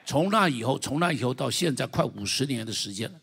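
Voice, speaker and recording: An older man with a Taiwanese Mandarin accent, a pastor preaching a sermon, moving from quiet storytelling to loud, fervent declarations. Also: mid-range voice, lively intonation, fast talker, gravelly, husky.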